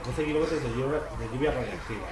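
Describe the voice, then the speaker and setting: A man's voice: medium pitch, expressive, fast talker, crowd noise. A man with a Spain accent giving casual, colloquial and irreverent commentary while he plays a game. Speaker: gamer commentator. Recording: echoey room with loud game music.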